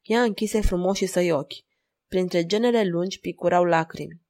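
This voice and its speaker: A woman narrating a classic novel as an audiobook reader, calm and measured between the dialogue. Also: on the low side. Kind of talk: scripted narration.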